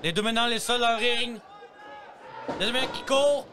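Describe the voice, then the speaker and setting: A man giving live wrestling commentary, excitedly shouting out the moves amid a loud event. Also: extremely high pitch, normal speed, crowd noise, noisy background. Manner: excited, shouting, echoes his partner's calls.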